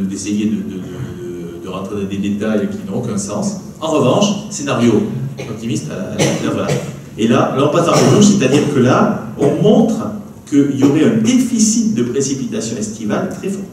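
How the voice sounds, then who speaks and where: A man's voice: mid-range voice, normal speed, darkish tone. A man with a southwestern French accent, giving a public lecture on slides in a chatty way, often adding "hein" and "d'accord". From southwest France. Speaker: meteorologist giving a public talk. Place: archive building lecture room. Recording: echoey room, from a distance, faint noise.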